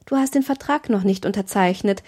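A woman's voice: medium pitch, brisk, a little mellow, breathy edge, lightly acted. A woman reading an audiobook, voicing a haughty, capricious young noblewoman who swings between tender and cruel. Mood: commanding. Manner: imperious, alternating tender and cruel.

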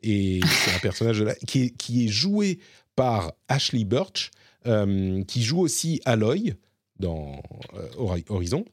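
Low-voiced man chatting casually about games. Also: measured pace, dry recording, clean studio sound. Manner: relaxed, hesitant, many fillers and restarts. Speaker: gaming stream co-host.

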